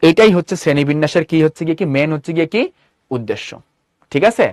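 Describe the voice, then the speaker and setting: A man's voice: on the high side, expressive, darkish tone, no echo, studio quality. A man with a Bangladeshi Bengali accent teaching a live online class, rattling off questions to his students. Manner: quick, repeatedly quizzing students with rhetorical questions. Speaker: online tutor.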